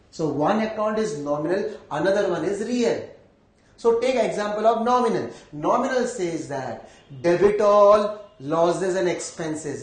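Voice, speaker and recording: A man's voice: sits high, darkish tone. A man with an Indian accent teaching accounting in a live lecture, explaining step by step, repeating phrases and checking that everyone follows. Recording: echoey room.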